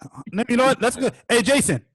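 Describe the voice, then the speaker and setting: Brief: male podcast host, high and animated, laughs easily, dry close sound. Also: brisk, slightly rough, no echo. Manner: laughs often, relaxed and joking. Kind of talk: casual chat.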